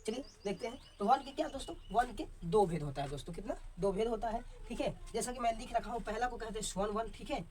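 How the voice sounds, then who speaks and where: A man's voice: high voice, fast talker, few pauses, darkish tone. A male teacher gives a class lesson at a board, quizzing his viewers and checking "okay?" after almost every line. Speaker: Hindi teacher. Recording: voice a bit far from the mic, faint background noise.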